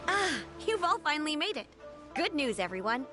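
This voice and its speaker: An upbeat lady publisher in a video game. Her voice is high and very animated, with a polite, businesslike cheer. Music plays clearly behind her. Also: normal speed. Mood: pleased, businesslike. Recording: voice under clear background music.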